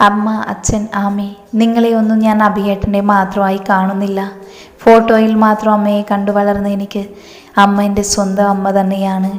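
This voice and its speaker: A woman's voice: mid-range voice, level tone, normal speed, natural voice. A woman doing an earnest young daughter-in-law, echoey. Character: kind young daughter-in-law, warm and grateful. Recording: echoey room with long reverb.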